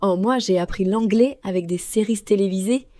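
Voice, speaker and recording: A woman co-hosting a learners' podcast, speaking clearly and slowly like a teacher. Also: medium pitch, dark tone, dry recording. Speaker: podcast co-host. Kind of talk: scripted podcast dialogue for learners.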